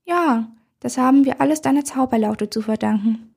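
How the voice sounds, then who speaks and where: A small, curious elf child asks questions with cheerful delight, as a woman reader puts it on. The voice is husky and fairly high, with a mellow tone, like a children's storybook part. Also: moderate pace, heavily acted. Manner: cheerful, wide-eyed.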